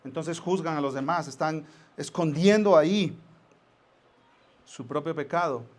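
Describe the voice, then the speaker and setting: A man's voice: on the high side, a little slow. A man preaching a sermon as pastor, telling stories and acting out little scenes as he goes. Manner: lively storytelling with acted-out asides.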